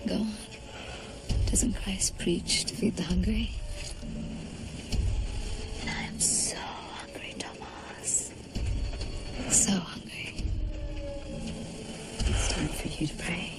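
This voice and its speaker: An actress playing a hungry, taunting demonic spirit in a horror drama, breathy and insinuating. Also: female voice, lowish voice, slow pace, pauses often, loud music behind the voice. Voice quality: breathy, whispery. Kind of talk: horror television drama acting.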